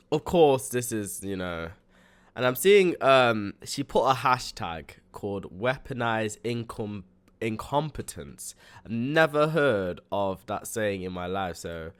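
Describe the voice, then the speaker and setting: Man, slow unhurried speech, lively swooping pitch, reaction commentary. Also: clean tone. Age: older than young adult. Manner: incredulous, halting, fillers. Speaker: reaction video host.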